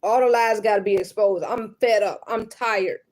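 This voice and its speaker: A woman's voice: mid-range voice, steady tone, moderate pace, darkish tone. A mother venting to the camera in a blunt, emphatic and profane way.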